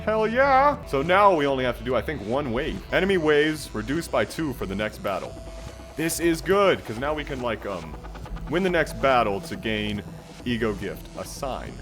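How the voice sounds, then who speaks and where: A man commentates his video game run and reads its on-screen text aloud. He is excitable, with a lively, swinging pitch that jumps into loud high bursts. Faint game music plays quietly behind his close mic. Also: normal speed. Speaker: gameplay commentator.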